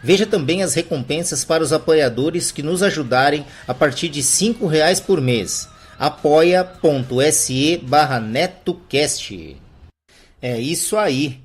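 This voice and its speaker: A man's voice: fairly high pitch, slightly rough. A man with a Brazilian accent giving informal announcements as a podcast host.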